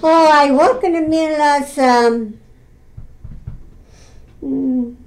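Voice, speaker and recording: Her voice high-pitched and Greek-accented, a woman from Greece in her nineties, formerly a mill weaver, recalls her mill work during an oral history interview in her home. She speaks haltingly, using many fillers and simple non-native grammar.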